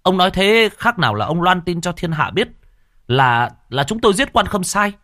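A man's voice: mid-range voice, very animated, unhurried, a bit bright, no room sound, studio quality, pitched above the performer's own voice. Man doing a stammering young soldier. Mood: indignant. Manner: stammering, repeating words.

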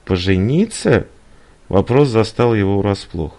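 A man's voice: fairly low pitch, moderate pace, mellow. A man reading a story aloud as narrator, voicing the dialogue expressively. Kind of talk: audiobook reading with character voices.

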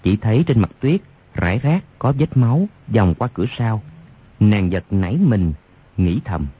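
Lively low-voiced male narrator. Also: moderate pace, husky. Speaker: audiobook narrator. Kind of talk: storytelling narration of a martial arts novel. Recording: lo-fi radio recording.

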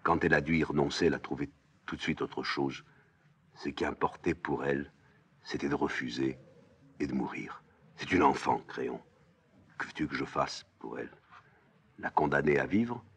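A man reading a play aloud, voicing a weary, stern king who speaks gravely and with resignation. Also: rumbling low, normal speed, long pauses, exaggerated voice.

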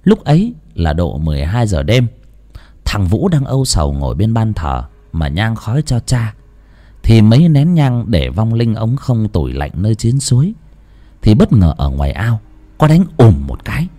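A man's voice: lowish voice, big pitch swings, moderate pace, mellow. A man narrating a ghost story in a dramatic, suspenseful way.

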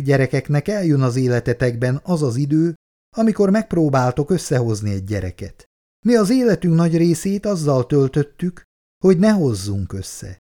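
A man's voice: medium pitch, dark tone. A man voicing a chatty, jovial older male farmer and grandfather in an audiobook.

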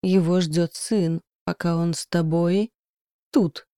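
Muffled hoarse male stalker voiced by a woman, menacing, low, warm. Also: steady tone, slow, no echo, studio quality.

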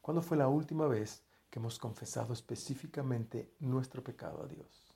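A man preaching with a warm, mellow voice. His delivery is conversational, with restarts and phrase endings that drop to near quiet. The pitch sits at an ordinary middle height for a man. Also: moderate pace, gravelly. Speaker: pastor. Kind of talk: sermon.

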